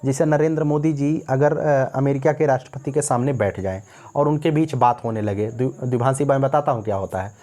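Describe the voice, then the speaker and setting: An Indian male teacher gives a recorded exam-prep lecture in a patient classroom manner. He explains each point in Hindi and reads English lines from his notes slowly, word by word. He keeps checking that his students are following. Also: mid-range voice, mellow. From North India.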